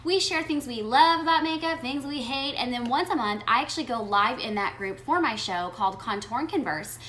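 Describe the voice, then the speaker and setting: A woman's voice: on the high side, a little fast, fairly bright tone. A chatty woman with a lilt walks viewers through a makeup look step by step. She sounds upbeat and friendly, speaking straight to her audience as if they were her girlfriends. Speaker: beauty channel host. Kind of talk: makeup tutorial.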